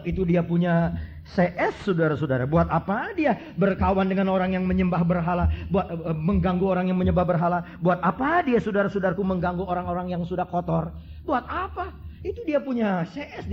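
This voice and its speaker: High-voiced preacher telling stories. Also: male voice, muffled recording, a little hiss or hum. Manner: storytelling, swings from hushed asides to fervent repetition. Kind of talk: sermon.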